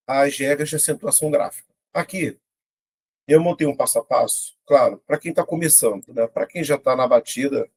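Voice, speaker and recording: A man teaching a casual online Portuguese lesson, chatty and colloquial, working through examples step by step out loud. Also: mid-range voice, breathy edge.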